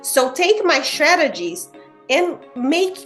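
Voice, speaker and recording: Earnest woman, animated. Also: high-pitched, slow pace, faint music behind. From Brazil. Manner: earnest, animated, with frequent "you know" fillers. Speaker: guest realtor. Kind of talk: casual interview chat.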